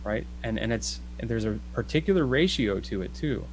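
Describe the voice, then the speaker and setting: A man speaks over a video call at an ordinary male pitch, reasoning his way through a point. He restarts phrases and keeps checking in with his listener, while a faint hum runs beneath his voice. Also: lively intonation, a little fast, low-quality recording. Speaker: guest.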